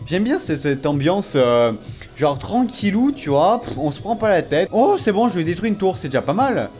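A man giving excited live commentary on his own mobile game matches, groaning, swearing and shouting at the game. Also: sits high, moderate pace, faint music behind. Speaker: gamer streaming a mobile game tournament.

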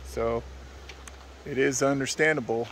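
Recorded on a phone he holds at arm's length, this travel vlogger in his thirties narrates from a forest campsite, faint surroundings audible behind him. He speaks casually and straightforwardly with hesitant pauses, in a medium-pitched, slightly bright voice with fairly even intonation.

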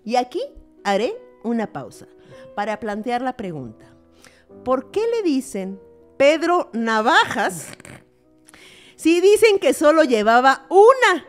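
A woman's voice: sits high, big pitch swings, takes it slowly, pauses often, faint music behind. A young Mexican woman co-hosting a podcast in casual chat, playful and teasing, joking along. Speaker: podcast co-host.

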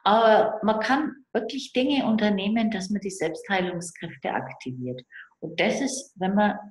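Her medium-pitched voice moves a little slowly as she talks personally. She is an older guest counsellor specialising in end-of-life care and grief, on a video call from a small indoor room, and the computer mic's sound is roomy.

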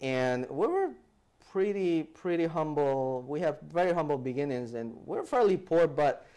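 A man in his forties from El Salvador, a guest in a studio interview, telling his story with lively hand gestures and frequent restarts, on a lapel mic. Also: fairly high pitch, normal speed, clear, resonant tone. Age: 40s. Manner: animated, gestures with hands, many restarts. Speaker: guest speaker. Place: TV studio set, seated in armchair.

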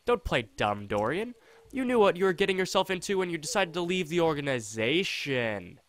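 A man's voice: on the high side, very animated. A man reading the lines of a sneering male cult assassin in a video game, cold and menacing. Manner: contemptuous, slow and threatening. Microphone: desktop USB condenser mic.

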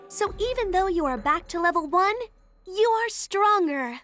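A woman's voice: very high voice, expressive, moderate pace, fairly bright tone, faint music behind. A woman playing a polite, eager young angel girl in a video game, explaining things in formal, deferential language. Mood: earnest, polite. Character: polite, chirpy young girl angel serving her lord.

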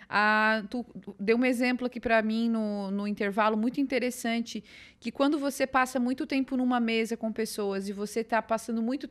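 Higher-voiced woman host. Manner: conversational, affirming and summarizing. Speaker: podcast host. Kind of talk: podcast interview.

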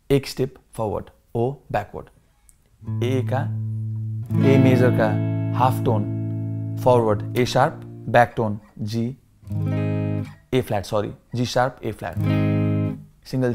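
A man teaching a beginner guitar lesson, switching between Hindi and English, often repeating and correcting himself. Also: medium pitch. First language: not Hindi. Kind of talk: casual lesson explanation.

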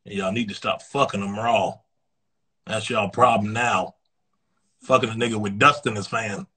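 Husky teasing livestream roast host. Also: male voice, on the low side, steady tone, normal speed, bright, forceful tone. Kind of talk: live-stream roast banter.

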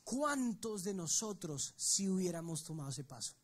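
A man's voice: high voice, big pitch swings, moderate pace, slightly rough. A man preaching a sermon to his church, telling the story with emphasis and speaking straight to the congregation. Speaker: pastor. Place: church service.

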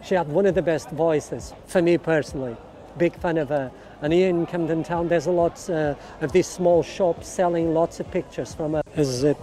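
A middle-aged man guiding a walking tour as a vlogger has a mellow, fairly high voice and keeps a moderate pace. He's enthusiastic and casual, frequently exclaiming and repeating phrases, with the busy outdoor market's music and crowd chatter in the background.

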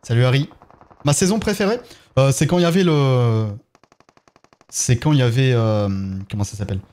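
A man's voice: mid-range voice, moderate pace, darkish tone. A man with a French accent, chatting casually on a live game stream and thanking viewers one by one as he plays.

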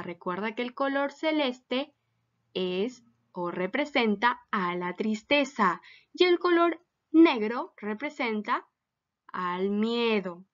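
A woman's voice: a little high, a bit bright, dull audio. A woman teacher giving a recorded lesson for children, patiently asking them many questions.

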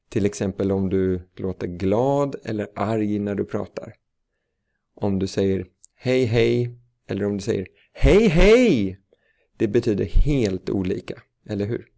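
A man teaching Swedish phrases for preschool work, speaking slowly and carefully with filler sounds. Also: lowish voice, creaky, warm tone. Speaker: language teacher. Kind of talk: slow instructional explanation.

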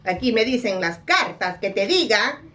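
A woman's voice: medium pitch, very animated, moderate pace, fairly bright tone, distant mic. A woman playing a brash female psychic who scolds and mocks in a dramatic comic card reading. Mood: scolding. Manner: scolding, dramatic, laughs at her own jabs.

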